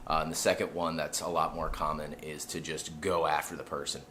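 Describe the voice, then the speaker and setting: A man's voice: very deep voice, flat delivery, brisk, pushed and bright, slight background noise. A man, a musician, talking to camera in a laid-back, straightforward vlog. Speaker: musician vlogger. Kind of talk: casual vlog talk.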